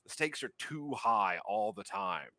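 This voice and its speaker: A man's voice: on the low side, animated, moderate pace, pushed and bright, no echo. Man voicing a jittery ex-racer mechanic. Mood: weary. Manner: jittery, hesitant, trailing off. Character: nervous retired male street racer turned mechanic.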